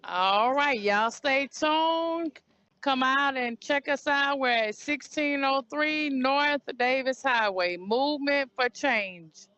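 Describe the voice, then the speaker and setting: A woman making a short live promo and repeating the key details clearly. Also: high voice, takes it slowly, bright, forceful tone, no echo, dull audio.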